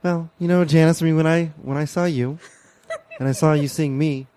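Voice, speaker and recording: A man's voice: a little high, steady tone, normal speed, dark tone, slight background noise. A man in an improvised comedy scene, talking earnestly and rambling with many restarts.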